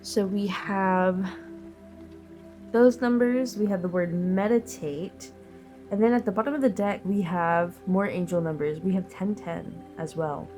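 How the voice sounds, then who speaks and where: This tarot reader is a woman doing a collective reading despite being sick, her voice nasal and sniffly. Medium in pitch and a little mellow, she speaks at a measured pace with faint music behind, musing and meandering with frequent fillers.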